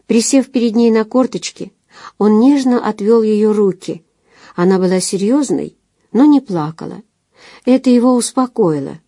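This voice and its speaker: Woman narrator, warm and relaxed, dry booth sound, steady storytelling. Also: mid-range voice, moderate pace, no room sound. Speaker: audiobook narrator. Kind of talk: scripted narration.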